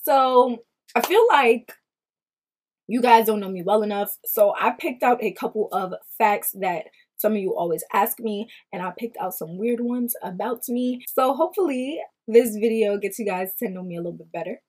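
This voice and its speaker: A woman's voice: medium pitch, normal speed, breathy edge. Chatty young New woman vlogging. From Queens, New York. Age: 20s. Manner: chatty, blunt and animated, slips into Jamaican patois phrases. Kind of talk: casual talk to camera. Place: small indoor room before a plain pink backdrop.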